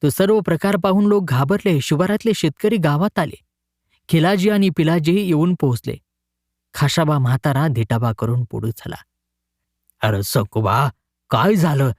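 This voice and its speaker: A man narrating a short story in a dramatic, expressive reading. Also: fairly high pitch, moderate pace, dry recording, clean studio sound.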